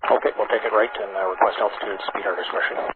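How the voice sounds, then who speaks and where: A man, a formation lead pilot, giving brisk, procedural radio calls to air traffic control through his cockpit headset. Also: fairly low pitch. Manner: brisk, procedural, calm under pressure. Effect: pilot's cockpit headset over aircraft radio. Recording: noisy, tinny aircraft radio transmission.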